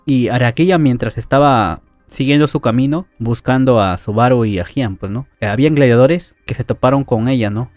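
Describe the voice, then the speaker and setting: A man's voice: medium pitch, moderate pace, few pauses, darkish tone, dry recording, faint music behind. A man casually retelling an anime story plot, chatty and full of fillers and tag questions. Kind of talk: casual story recap narration.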